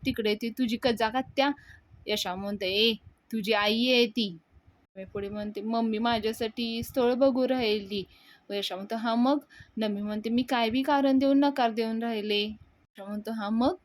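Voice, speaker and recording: Woman retelling a serial with a lively voice. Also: fairly high pitch, moderate pace. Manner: lively retelling, her voice rising for each quoted character's line. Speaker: TV serial episode reviewer. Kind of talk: retelling a TV serial episode, quoting the characters' lines.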